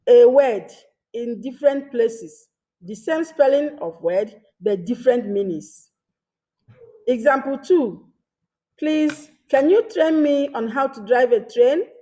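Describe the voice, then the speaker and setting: A woman teaching a grammar lesson, reading each example sentence twice and pausing between short phrases. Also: a little high, animated, dark tone. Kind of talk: slow deliberate grammar lesson.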